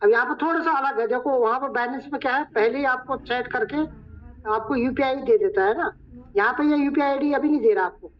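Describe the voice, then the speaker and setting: A hoarse man acting as trainer, talking viewers through a screen-share tutorial step by step. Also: very high-pitched, brisk. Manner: talks viewers through each step, repeating "look". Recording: dull lo-fi recording.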